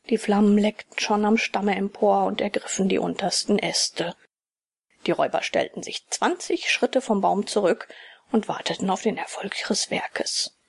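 A woman narrating a storybook audiobook expressively, often in a soft, hushed tone. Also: medium pitch, gravelly, husky, dry recording.

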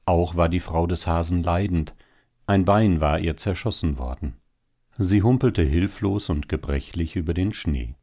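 A man narrating an audiobook story in a measured, solemn manner. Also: sits low, warm tone.

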